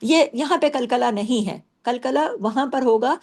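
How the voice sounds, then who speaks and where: Lady recitation teacher, bit high voice, spells out sounds one by one, asks "why?" and answers herself. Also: darkish tone. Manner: breaks words into syllables and repeats them slowly; asks and answers her own questions. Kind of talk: tajweed lesson explaining pronunciation.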